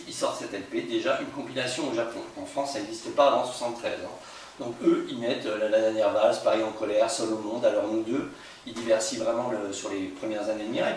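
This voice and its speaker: Man, lowish voice, casual rambling presenter at home, echoey room, mic at a distance. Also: a little hiss or hum. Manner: chatty, rambling with fillers and restarts. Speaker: record collector presenting albums. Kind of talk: casual video presentation to friends.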